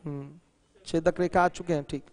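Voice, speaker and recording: High-voiced man teaching geometry. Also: fairly even intonation, moderate pace, in a large hall. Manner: asks students questions often and answers them himself; mixes English terms into the explanation. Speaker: math teacher. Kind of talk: online geometry lesson.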